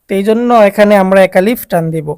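A Quran reading teacher speaks with a Bangladeshi Bengali accent at an unhurried, patient pace. The voice sits in a middle pitch and walks through each rule step by step. Key points are repeated, and the teacher asks the learners questions along the way. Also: a little mellow, clean tone. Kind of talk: recorded step-by-step lesson.

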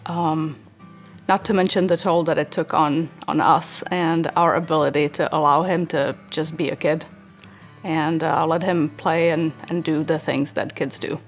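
A Czech woman in her forties, a parent, gives an interview testimonial from a living room sofa, earnest and reflective and gesturing as she speaks. Her low voice is unhurried with fairly even intonation, and faint music plays behind her.

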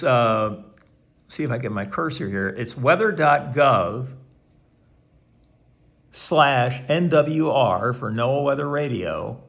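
A man with a medium-pitched, fairly bright voice presents a how-to video, walking through the steps casually and folksily as he talks himself along. He's indoors at home next to a tabletop radio, and the home recording is clearly noisy with clicks.

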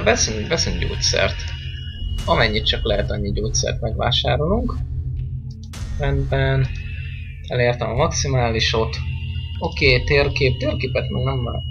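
A man's voice: mid-range voice, gravelly, dull audio. A man giving casual, rambling let's-play commentary on a game, joking and chatting with the game's characters. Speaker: gameplay commentator.

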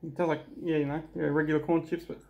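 A man's voice: a little high, level tone, fast, gravelly, muffled recording. A man in his thirties with an Australian accent, casually hosting a snack review at a kitchen table. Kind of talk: casual chat, product review. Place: small domestic kitchen, indoors. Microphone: camera mic at table distance. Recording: noisy room, bag crinkling.

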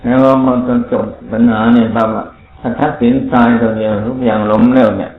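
A man's voice: medium pitch, flat delivery, a little fast. A man preaching a sermon as a monk, in a rambling, conversational way. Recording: phone-like, roomy, faint noise.

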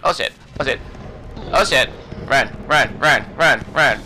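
A man commenting on his own gameplay, swearing a lot and yelping and shouting whenever he panics. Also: medium pitch, a little slow, over music. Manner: excitable, profane, yelps and shouts in panic. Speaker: let's play host.

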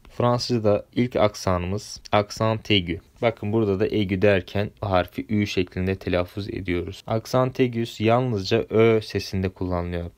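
A man with a Turkish accent teaching a French grammar lesson, patiently spelling out sounds letter by letter. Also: sits low.

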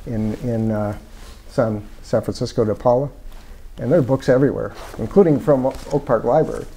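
A man's voice: medium pitch, fairly quick, mellow, a little hiss or hum. An older man talking as an author being interviewed, reflective and meandering with many fillers, on a lapel mic in a small parlor-style room. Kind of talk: casual conversation.

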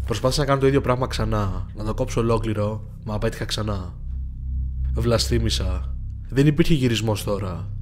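A man reading a scripted first-person horror story in a measured, somber way. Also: fairly low pitch. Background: faint background music.

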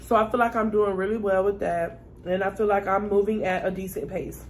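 A woman's voice: mid-range voice, fairly even intonation, fairly quick, a little hiss or hum. A woman chatting casually to her viewers while eating a meal. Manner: chatty and laid-back, talks while eating. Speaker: vlogger. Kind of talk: casual mukbang chat.

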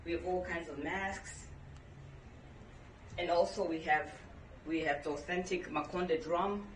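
A middle-aged woman from Tanzania, a gallery owner giving a guided tour of her shop with a friendly sales pitch. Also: fairly even intonation, a little slow. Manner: warm sales pitch, showing items. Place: indoor gallery in a home. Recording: roomy and distant with background noise.

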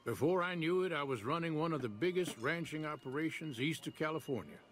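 An actor playing a proud, worried older cattle rancher in a video game, with a folksy American Western drawl. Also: male voice, a little high, expressive, brisk, slight background noise, lightly acted. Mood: proud, musing. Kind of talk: video game character dialogue.

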